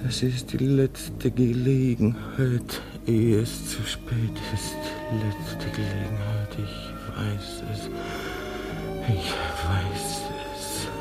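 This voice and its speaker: A man's voice: on the low side, little pitch movement, gravelly, loud music behind the voice. An actor in a radio play voicing a man in his thirties, anxious and pleading that he is not mad. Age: 30s. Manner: urgent, pleading, rushing. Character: anxious male driver, 36, fearing madness.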